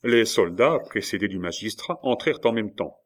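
Man narrating a classic novel, low voice. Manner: measured, expressive storytelling. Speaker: audiobook reader. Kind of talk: expressive audiobook narration.

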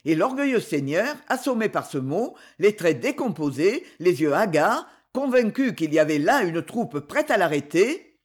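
An audiobook narrator reading a novel in an expressive, theatrical way. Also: mid-range voice, moderate pace.

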